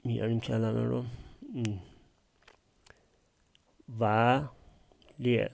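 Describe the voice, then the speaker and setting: A man's voice: medium pitch, level tone, vocal fry, darkish tone. A man teaching a language class, explaining a text phrase by phrase and posing questions he then answers himself. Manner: asks and answers his own questions.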